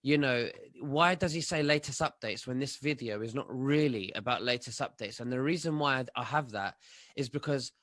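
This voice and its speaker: Halting man in his thirties. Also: medium pitch, a bit bright, dry recording. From London, England. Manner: halting, many fillers and restarts. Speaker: guest, online commentator. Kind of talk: casual interview answers.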